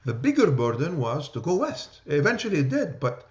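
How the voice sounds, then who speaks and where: A man's voice: a little high, huge pitch swings, normal speed, highs cut off. A man with a New York accent teaching an adult church class, talking loosely and checking in with "okay?" and "right?". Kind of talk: church class lecture with discussion.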